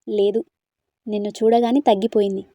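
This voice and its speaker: A woman's voice: mid-range voice, level tone, brisk, warm tone, dry recording, studio quality, close to an everyday voice. Woman reading as an earnest young man. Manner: coaxing and earnest. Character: young man, gentle and teasing suitor.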